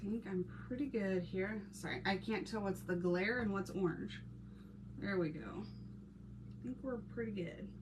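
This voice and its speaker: Texan woman, crafter hosting a live stream, chatty and laughing, noisy hiss behind. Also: mid-range voice. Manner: chatty, laughs often, greets viewers by name. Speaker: craft channel host reading live chat. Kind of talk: casual live-stream chat while painting.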